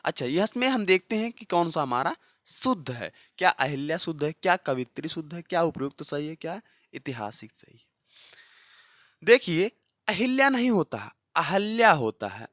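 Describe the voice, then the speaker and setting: Lively teacher drilling exam questions. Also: medium pitch, no echo, clean studio sound. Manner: reads each option as a question, checks in with frequent "okay"; repeats key answers slowly for drilling. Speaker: Hindi teacher for exam preparation. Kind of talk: exam-prep lesson solving practice questions.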